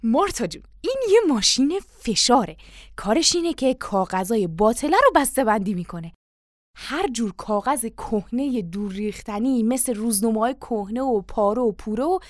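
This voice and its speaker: A woman's voice: fairly high pitch, no room sound, studio quality, natural voice. A woman reading an audiobook, voicing a boastful, scheming country father who talks in an eager, coaxing salesman manner.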